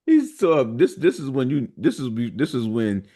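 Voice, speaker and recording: A man co-hosting a casual movie podcast, retelling scenes with lively energy and jumping into high voices for the characters. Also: normal speed. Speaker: podcast co-host.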